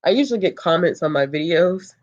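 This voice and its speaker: This book channel host speaks fast while casually reading viewer comments on a livestream. Despite the speed, the low voice stays calm and relaxed, with frequent laughter and many ums, all in lo-fi sound.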